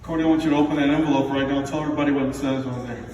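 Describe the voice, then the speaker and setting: A middle-aged man gives a father of the bride speech in a very echoey hall, picked up from a distance over clear background noise. He speaks in a plainspoken, heartfelt and slightly halting way to the guests. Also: medium pitch, fairly even intonation. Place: large reverberant indoor reception room with background noise.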